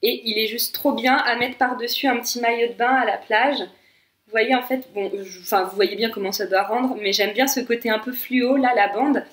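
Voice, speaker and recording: A young French woman vlogs to camera in a casual chat, enthusiastic and full of fillers and asides. Her voice is on the high side and fairly bright, with fairly even intonation at a normal speed, recorded in an echoey room with faint music.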